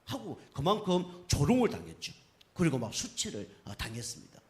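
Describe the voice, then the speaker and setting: A middle-aged man preaches a sermon in a lively, slightly high voice that swings widely in pitch. He stresses key phrases emphatically and keeps tossing rhetorical questions to his congregation. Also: a little fast. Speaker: pastor.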